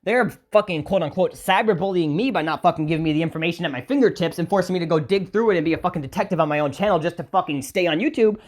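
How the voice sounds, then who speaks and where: A man's voice: high voice, very fast, hardly any pauses. A man vents in a heated vlog rant, swearing constantly as he talks to his viewers. He leans on sarcasm and keeps firing rhetorical questions at the audience. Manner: heated, profane, repeatedly swearing. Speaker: YouTuber. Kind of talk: angry vlog rant to camera.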